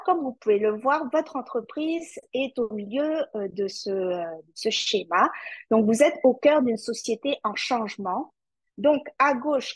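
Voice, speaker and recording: A woman's voice: on the high side, slightly rough, no echo, poor audio. A woman with a French accent presenting a webinar as a climate consultant, speaking directly to her audience with frequent hesitations and fillers. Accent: French (France).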